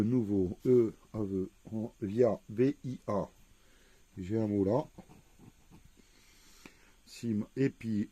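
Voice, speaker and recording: A man casually commenting as he scratches lottery crossword tickets, slowly spelling out letters one by one and checking words. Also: fairly low pitch, warm tone, no room sound. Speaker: scratch-card vlogger.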